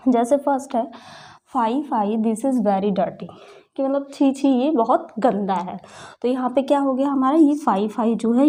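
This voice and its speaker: A woman's voice: fairly high pitch, warm tone. A woman with an Indian accent teaching a grammar lesson, explaining each example and asking and answering her own questions.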